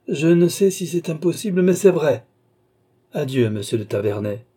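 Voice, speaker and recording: A man voicing a calm, measured doctor. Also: lowish voice, breathy edge. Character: calm, composed male doctor.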